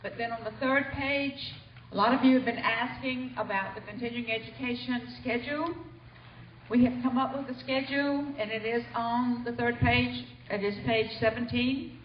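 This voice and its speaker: A woman's voice: on the high side, a little hiss or hum. Woman announcing in a roomy meeting hall. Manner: chatty, informal. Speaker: training coordinator. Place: hotel meeting room. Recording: distant, roomy, dull hall recording.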